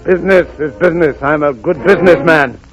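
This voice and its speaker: Man acting high-voiced, fretful old Scrooge, 1930s radio. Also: natural voice, rough recording. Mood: defensive. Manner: theatrical, drawn-out, pleading delivery. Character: Scrooge, fretful old miser, frightened and pleading. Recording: old radio broadcast with music behind.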